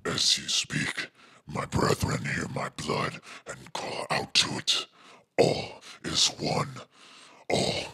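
A man voicing a huge, menacing male vampire alien soldier in an audio drama, giving slow, ominous pronouncements in a gravelly voice. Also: a bass voice, flat delivery, sharp tone, voice pushed down, full character voice.

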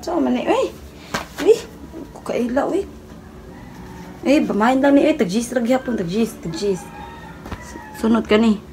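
Pitched on the high side and expressive, this young woman speaks unhurriedly with frequent pauses while faint music plays behind her. As a comedy vlogger, she teases and chats her way through a parody of a live-selling stream, calling viewers "guys." Loud noise sits in the background.

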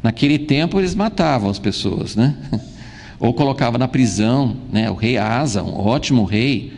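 A man teaching a Bible class in a lively way, often turning to the audience with quick fillers and questions. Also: medium pitch, gravelly. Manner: lively, addresses the audience directly, frequent fillers. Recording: long hall reverb.

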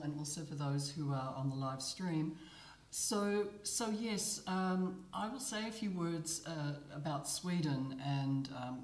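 Woman, measured panel talk. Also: low-pitched, darkish tone. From Australia. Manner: measured, thoughtful, many ums and pauses. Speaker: panelist, migration researcher. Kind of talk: panel talk at a book presentation. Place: gallery room, panel at a table. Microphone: table mic on a stand. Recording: roomy gallery echo.

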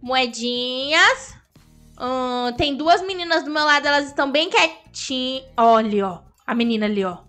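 A woman's voice: high voice, lively intonation, normal speed, fairly bright tone, soft background music. A woman co-hosting a game video, chatting casually and teasing her friend playfully while she plays. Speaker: gaming channel co-host. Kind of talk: casual let's-play chat. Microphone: headset.

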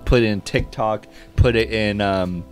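A man's voice: fairly low pitch, measured pace, soft background music. A man co-hosting a podcast in casual comic banter, teasing and playing along with bits. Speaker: podcast co-host.

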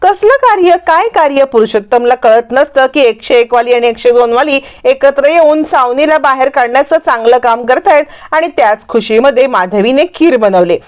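A woman narrating a TV serial episode recap in a brisk, animated retelling. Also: on the high side, smooth.

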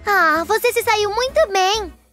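A woman's voice: extremely high pitch, animated, unhurried, fairly bright tone, soft background music, heavily acted. A woman voicing a caring, cheerful little fish nurse in a children's cartoon, encouraging young viewers with exclamations.

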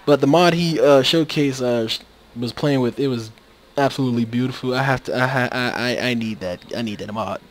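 A man chats loosely over his gameplay, wandering between thoughts and stumbling over restarts and filler words. He talks at an ordinary, mid-range pitch into a desktop USB microphone that occasionally drops out. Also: fairly quick. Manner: rambling, many fillers and restarts. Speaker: video game commentator. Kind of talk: casual gameplay commentary. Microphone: USB microphone that cuts out.

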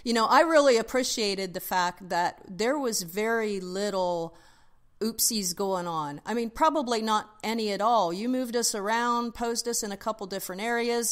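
Woman, podcast co-host, mid pitch, chatty, storytelling. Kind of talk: casual podcast chat.

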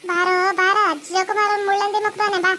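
A woman's voice: extremely high pitch, level tone, quick pace, sharp tone, a little hiss or hum. A woman voicing a sly, bossy young sister-in-law who schemes and threatens, with a North Karnataka Kannada accent.

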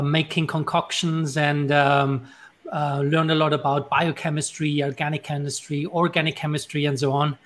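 A man in his forties from Austria with an Austrian German accent, telling his career story on an online panel over a video call, steady and friendly with frequent ums. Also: on the high side. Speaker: robotics professor, panelist. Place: home room with bookshelves. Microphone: video call with earphones.

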